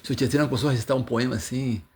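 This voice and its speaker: A male religious teacher with a Brazilian Portuguese accent comments on scripture in a loose storytelling style, acting out quotes from the figures in his stories. His gravelly voice sits at an ordinary middle pitch with a steady tone, and he races along, full of fillers, stumbles, and restarts.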